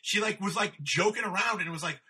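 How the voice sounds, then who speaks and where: A fairly high, husky-voiced man co-hosting a podcast over a remote call. He chats loosely and bursts into exaggerated impressions of what people said. His tone is bright and forward. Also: brisk. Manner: animated storyteller, acts out quotes in exaggerated voices. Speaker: podcast co-host. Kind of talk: casual chat. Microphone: remote call microphone.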